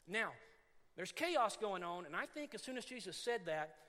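A man preaching a sermon, animated, acting out scenes and repeating phrases for emphasis. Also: high-pitched, moderate pace. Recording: long hall reverb.

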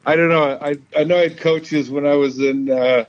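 A man calling into a show, heard over a phone speaker, chatting casually in a halting way with restarts. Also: fairly high pitch, fairly even intonation. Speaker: guest calling in. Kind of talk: casual chat. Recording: muffled phone line with faint hiss.

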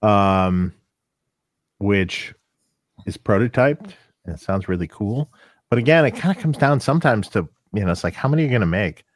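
A man's voice: fairly low pitch, expressive, normal speed, no room sound, clean studio sound. A man co-hosting a casual podcast, thinking aloud about gear and products with many fillers. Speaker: co-host and gear maker.

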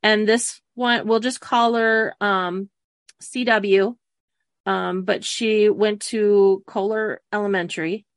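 A woman's voice: medium pitch, steady tone, slow, no room sound. Woman podcast co-host, casual storyteller, dry close sound. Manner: reads a child's story aloud, many ums.

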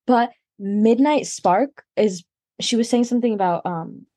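A woman's voice: on the high side, a little slow, warm tone, dry recording, studio quality. A woman vlogging in casual chat, rambling with lots of fillers and restarts.

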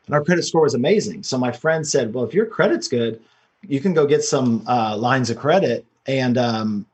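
A man's voice: mid-range voice, lively intonation, normal speed, darkish tone, husky. A man speaking as an interview guest, telling his own story in a casual, unpolished, loosely rambling way. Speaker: podcast guest, real estate investor.

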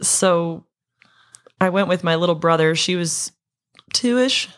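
Brief: young woman singer-songwriter guest, unhurried and chatty, with lots of fillers and restarts. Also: lowish voice. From Montana. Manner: storytelling with many fillers and restarts. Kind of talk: casual chat.

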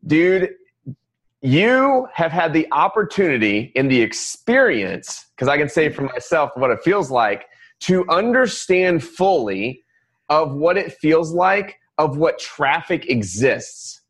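A man hosting a podcast, telling stories animatedly and acting out quotes with loud whoops. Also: fairly high pitch, very animated, slow, husky. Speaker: podcast host. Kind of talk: casual conversational interview.

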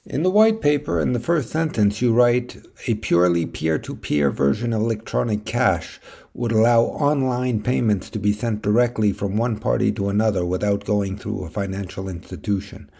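A man hosting a podcast, reading his questions and closing notes in a plain, unhurried way. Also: medium pitch, creaky, warm tone. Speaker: podcast host. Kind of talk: podcast interview and outro.

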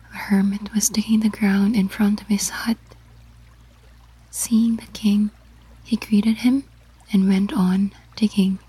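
A woman tells a story in a steady, breathy whisper for relaxation. Her delivery is slow and flat, with a mellow, dark tone. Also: mid-range voice. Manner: steady unvoiced whisper throughout. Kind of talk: whispered ASMR story reading.

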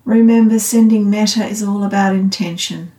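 A woman guiding a meditation in a calm, meditative, soothing tone, unhurried and leaving long pauses. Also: mid-range voice. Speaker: meditation guide. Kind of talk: guided loving-kindness meditation. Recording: roomy, slightly echoing sound.

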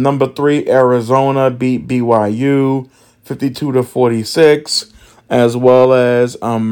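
A man hosting a casual sports podcast, excited and rambling, with many fillers and restarts. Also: mid-range voice, clean tone. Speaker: podcast host.

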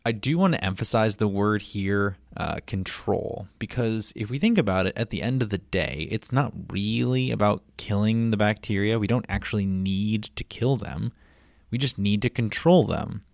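A man's voice: fairly low pitch, expressive, normal speed, vocal fry, no echo, clean studio sound. A man hosting a casual science podcast, chatty and playful, with frequent ums and asides. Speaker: podcast host.

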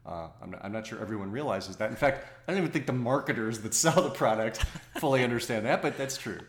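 A man's voice: mid-range voice, expressive, fast, a little hiss or hum. A man co-hosting a podcast in casual chat, teasing with dry humor. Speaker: podcast co-host. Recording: roomy echo.

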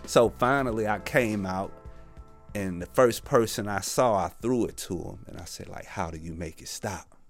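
Low-voiced man, halting recollection. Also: faint music behind. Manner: halting, full of "you know" and restarts. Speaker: former prisoner telling his story. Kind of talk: interview recollection and poetry reading.

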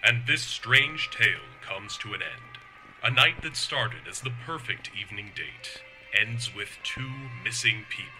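Narrator, played by a man: low, ominous, dramatic storyteller for retro sci-fi horror, over prominent music. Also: measured pace, close to an everyday voice, low-quality recording. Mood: ominous, foreboding. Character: ominous male narrator of retro eerie tales.

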